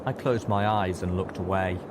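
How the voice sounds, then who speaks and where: An audiobook reader, a man with a low-pitched voice, narrates a scripted first-person story at normal speed. Clear background noise runs beneath his reading.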